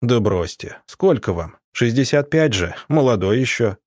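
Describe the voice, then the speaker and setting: A man's voice: mid-range voice, animated, measured pace, a little mellow, dry recording, clean studio sound. A man playing a level-headed young man who speaks in a distracted, matter-of-fact way. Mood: calm. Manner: absent-minded, matter-of-fact.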